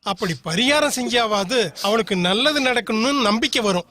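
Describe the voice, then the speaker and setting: A man's voice: very high voice, expressive, normal speed, pushed and bright, heavily acted. A man dubbing the role of a stern, worried middle-aged father in a dubbed family film drama. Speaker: father Kesavan, dubbed actor. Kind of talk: Tamil film dub. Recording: film soundtrack with music behind.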